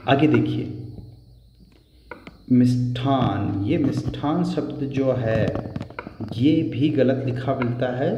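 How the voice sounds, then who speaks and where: A man teaching a Hindi spelling lesson, slow and patient, repeating each word for emphasis. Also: medium pitch, reverberant, in a large hall, dull audio, slight background noise.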